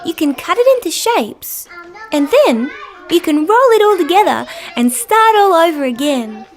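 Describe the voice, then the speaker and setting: A woman voicing a cheerful young female dinosaur who gently presents to small children in a slow, sing-song, wonder-filled way. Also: extremely high pitch, sing-song. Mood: playful, gentle. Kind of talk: children's show scripted narration.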